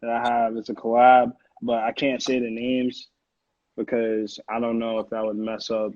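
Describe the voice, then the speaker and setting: A music producer in his early twenties from Connecticut, USA, chats casually as an interview guest, using slang in an informal American-accented way. His medium-pitched voice is flat, a little mellow, and moves at a moderate pace. The recording is muffled.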